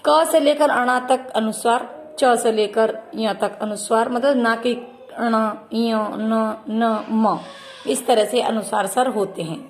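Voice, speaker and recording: A woman's voice: on the high side, steady tone, takes it slowly, a little hiss or hum. Patient woman teaching Hindi grammar. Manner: patient, repeats terms and calls listeners "beta". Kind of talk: explaining a Hindi grammar lesson to children.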